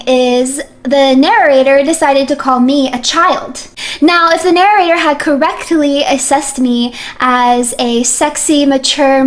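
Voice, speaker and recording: A young woman streaming a video game, joking and talking back to the game with a playful, mock-defiant manner. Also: high-pitched. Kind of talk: live game stream commentary.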